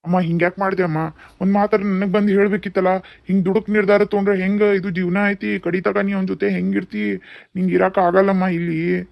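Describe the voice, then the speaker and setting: A performer voicing a worried older uncle in a cartoon, with a North Karnataka Kannada accent and a calming, reproachful manner. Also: mid-range voice, fairly quick, gravelly, no room sound, close to an everyday voice. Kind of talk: cartoon dubbing. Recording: dull lo-fi sound.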